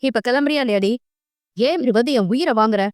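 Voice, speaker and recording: Woman doing an angry young guy scolding fast, smooth dry voice. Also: fairly high pitch, animated, no room sound, lightly acted. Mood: angry scornful. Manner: harsh, rapid scolding. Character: young man, angry, scornful cousin.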